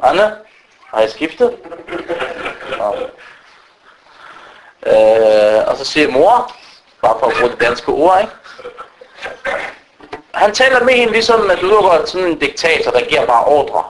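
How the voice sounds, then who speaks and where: An Islamic preacher delivers an unscripted religious lecture to a gathering, addressing his listeners directly with frequent fillers and restarts. His voice is a little high and sing-song, he pauses often, and the background is noisy.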